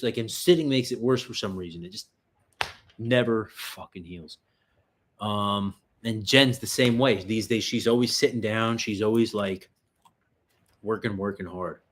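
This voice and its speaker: A New York–area man with a lowish, fairly bright voice hosts a casual livestream, answering viewer questions at a normal pace. His talk is loose, profane and rambling, full of fillers and restarts.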